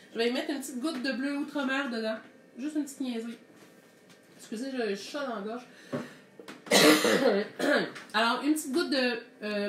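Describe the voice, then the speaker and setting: A woman with a Québécois French accent gives a live painting lesson in a fairly high voice. She talks her way through each color mix in a chatty, explanatory manner. The room around her sounds roomy and echoey. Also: a bit bright, slight background noise. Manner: thinks aloud while mixing paint, chatty and explanatory. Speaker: painting teacher.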